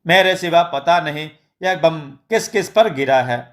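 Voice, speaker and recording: A man voicing a sharp-tongued village mother who scolds and mocks. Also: a little high, a little slow, natural voice. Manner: scolding and sarcastic.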